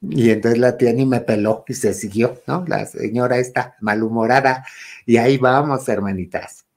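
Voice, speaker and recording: A man with a Mexican accent tells a ghost story in a relaxed, chatty way. He talks animatedly and dips into a hushed whisper at the scary moments. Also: mid-range voice, normal speed. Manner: animated, drops to a whisper at the spooky parts. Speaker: guest storyteller. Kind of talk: casual ghost story telling.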